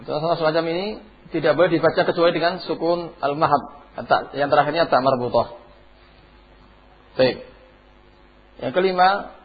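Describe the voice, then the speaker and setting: A man's voice: on the high side, breathy edge. A man teaching Quranic recitation rules, asking his class questions and chanting the examples in between. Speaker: tajwid teacher. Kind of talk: classroom lesson with questions to students. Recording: dull lo-fi classroom tape.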